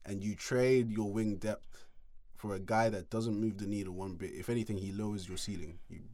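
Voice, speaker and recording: A man co-hosting a casual basketball podcast, mocking a player with animated rants and frequent laughter. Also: lowish voice, moderate pace, no room sound. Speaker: podcast co-host. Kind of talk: casual sports chat.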